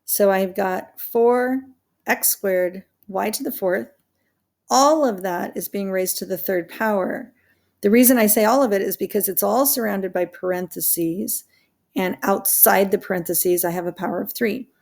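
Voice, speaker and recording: A woman's voice: medium pitch, a little slow, darkish tone. A woman teaching a math lesson, chatty and self-deprecating, laughing at her own slips as she works through examples. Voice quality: creaky. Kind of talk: recorded worksheet walkthrough lesson.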